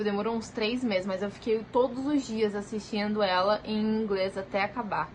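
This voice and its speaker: A young Brazilian woman talks in a chatty, lively way, speaking with a Brazilian Portuguese accent and acting out what others said. Her pitch sits in a middle range. A faint hiss of background noise runs under the recording. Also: rough recording. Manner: chatty, animated, acts out quoted dialogue. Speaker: vlogger. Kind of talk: casual storytelling vlog.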